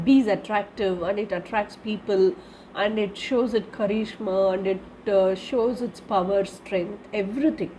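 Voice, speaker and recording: A woman's voice: medium pitch, mellow, slight background noise, low-quality recording. A woman with an Indian accent and a congested, slightly wheezy voice from a cold and sore throat, giving a casual spiritual reading in an instructive, repetitive way. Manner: instructive, repeats phrases with tag 'na'. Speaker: charms card reader giving guidance.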